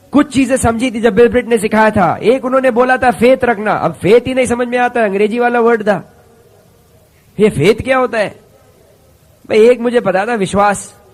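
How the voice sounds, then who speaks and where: Middle-aged man from India, very high voice, business seminar speaker, short punchy lines, rhetorical questions to the crowd. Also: moderate pace, pauses often. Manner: lively, punchy, asks the audience rhetorical questions. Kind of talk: motivational stage talk.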